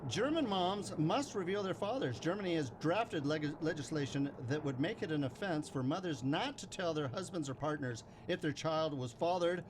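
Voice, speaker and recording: A man's voice: on the high side, expressive, normal speed, few pauses, noisy background. A man co-hosting a radio show in a studio, with dry, sarcastic quips. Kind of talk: casual radio banter.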